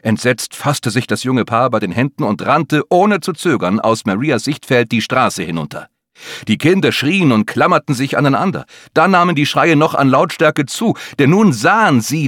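Male narrator, lively dramatic read, dry close sound. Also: mid-range voice, dry recording. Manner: tense, dramatic storytelling. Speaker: audiobook narrator. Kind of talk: scripted narration.

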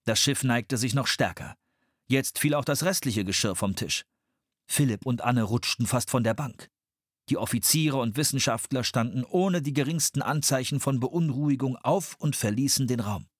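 A man narrating a children's adventure audiobook in an expressive storytelling manner, recorded on a close studio mic. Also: medium pitch, moderate pace, slightly rough, no echo.

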